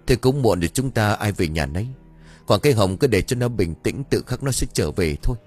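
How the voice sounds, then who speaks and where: A man voicing a calm, sensible village man in a spoken story. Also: on the low side, a little fast, breathy edge, faint music behind.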